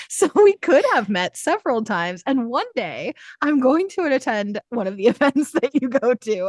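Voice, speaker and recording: A woman's voice: a little high, no echo, clean studio sound. Chatty woman podcast host. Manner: animated, laughing often. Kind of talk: casual interview chat.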